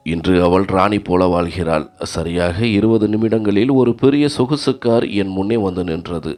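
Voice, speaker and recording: A man reading a dramatic first-person story as scripted narration, in a steady storybook manner. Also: sits low.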